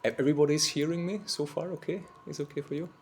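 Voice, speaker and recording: In a university lecture room, a forties-aged monk from Austria speaks informally in English with an Austrian German accent. Slightly weak and a little high, his voice is fairly even and a bit mellow as he halts, hunts for words, and leans on "like." There's a little hiss or hum.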